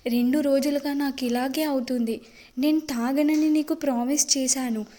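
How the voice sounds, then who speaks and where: A desperate young wife who pleads through her tears, as a woman narrator puts her on. Her voice sits high and sounds worn from crying, the way a character does in a read-aloud love story. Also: fairly even intonation, moderate pace, warm tone, close to an everyday voice. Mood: tearful. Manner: sobbing, pleading delivery. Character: young wife, tearful and pleading, struggling with a drinking habit. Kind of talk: audiobook character reading.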